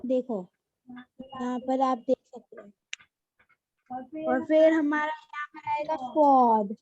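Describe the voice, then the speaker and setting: High-voiced woman teaching letters patiently. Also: takes it slowly, darkish tone, no room sound, lo-fi sound, soft background music. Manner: patient, repeats each letter name. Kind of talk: children's alphabet lesson.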